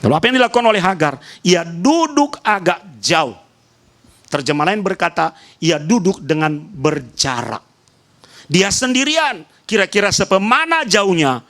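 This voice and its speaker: In a very animated sermon at a moderate pace, a male pastor from Nias, Indonesia, preaches with emphasis. Loud raised calls give way to soft low asides, and he repeats short phrases while addressing the congregation directly.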